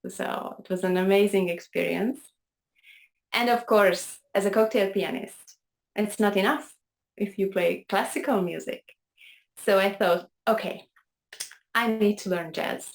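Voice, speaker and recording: Over a low-quality video call recording, a woman from Hungary talks unhurriedly in a gravelly, medium-pitched voice with a Hungarian accent. She's a piano teacher being interviewed, earnestly recounting her path in conversational storytelling.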